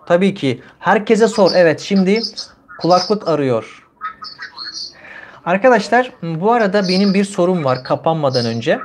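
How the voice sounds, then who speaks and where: A man's voice: high-pitched, expressive, normal speed. A man in his thirties hosting a conversational language lesson, using simple, repetitive phrasing for learners. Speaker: language teacher and livestream host. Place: small room indoors. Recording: clearly noisy livestream with clicks.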